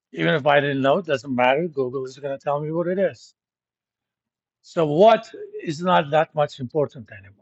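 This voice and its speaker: Blunt, joking professor from Turkey. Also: male voice, on the high side, no room sound, muffled recording. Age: middle-aged. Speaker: university professor. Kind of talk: classroom lecture.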